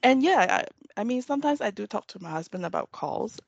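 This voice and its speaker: A woman co-hosting a casual chat, expressive and quick to laugh. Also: mid-range voice, vocal fry, husky, dry recording, muffled recording. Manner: expressive, laughs, mimics her husband.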